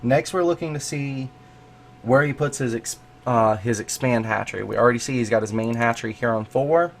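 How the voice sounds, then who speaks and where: Speaking a little fast in a creaky, medium-pitched voice, a man hosts a relaxed breakdown of a match replay against slight background noise. He has the hiccups and works through the player's choices out loud, getting worked up when he spots something.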